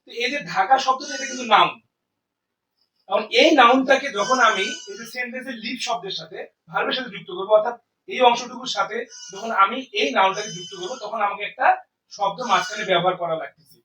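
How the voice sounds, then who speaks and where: High-voiced man teaching grammar. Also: pushed and bright, echoey room, recorded from a distance, a little hiss or hum, poor audio. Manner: explains slowly, asks and answers own questions, often says "ঠিক আছে". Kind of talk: classroom lecture in Bengali and English.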